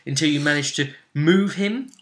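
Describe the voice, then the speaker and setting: Recapping the plot of his tabletop roleplaying game, this game master speaks casually in a fairly high, somewhat bright voice. He halts, emphasizes, and circles back over phrases as he goes.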